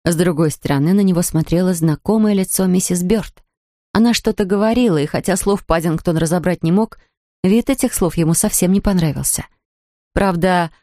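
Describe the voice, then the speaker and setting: A woman reads a children's storybook aloud with a slightly low voice, telling the story expressively and doing voices for the characters. The sound is close and dry, with no room echo. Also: mellow. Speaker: narrator.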